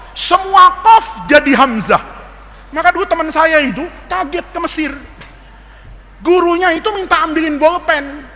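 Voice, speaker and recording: A man's voice: very high voice, pushed and bright, long reverb tail. A man with an Indonesian accent giving a playful religious lesson to students, joking and mimicking dialects as he spells out words. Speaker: Islamic teacher.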